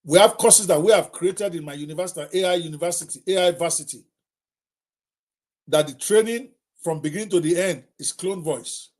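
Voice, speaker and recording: A man's voice: fairly high pitch, fairly quick, a little mellow. A middle-aged Nigerian man hosting a live talk, speaking emphatically and addressing viewers directly, often repeating himself. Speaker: host.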